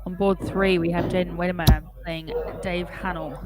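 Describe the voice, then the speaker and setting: A woman's voice: fairly low pitch, fairly even intonation, moderate pace. A woman giving conversational live commentary on darts matches. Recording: clear crowd noise behind voice. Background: crowd at a darts event.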